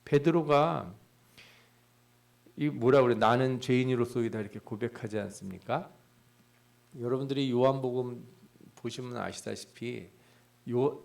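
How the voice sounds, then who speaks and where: A male pastor with a medium-pitched, vocal-fry voice delivers a conversational Bible exposition sermon. He poses questions to the congregation and acts out people's prayers and inner thoughts in quoted voices.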